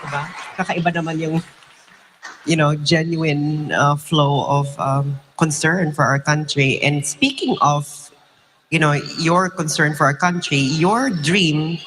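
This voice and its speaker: A man's voice: a little high, fairly even intonation, a little slow, fairly bright tone, a little hiss or hum, low-quality recording. A man with a Filipino accent interviewing a guest, asking polite questions with hesitant fillers and mixing English with Filipino.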